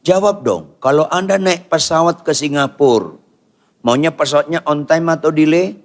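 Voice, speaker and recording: An older man preaching a sermon in church, firing rhetorical questions at the congregation and swinging from quiet asides to loud outbursts. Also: on the high side, moderate pace. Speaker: pastor.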